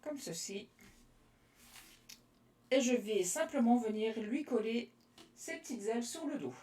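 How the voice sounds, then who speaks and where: A woman from France demonstrating card-making on a live stream, chatting with viewers by name between steps in a relaxed way. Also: fairly high pitch, measured pace. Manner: chatty and relaxed, answers live comments by name, laughs often. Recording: roomy echo, voice from a distance.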